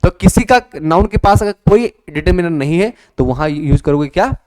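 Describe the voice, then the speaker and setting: A man teaching an English grammar lesson, coaxing students and repeating their answers in a lively classroom manner. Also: fairly high pitch, brisk, dry recording, studio quality.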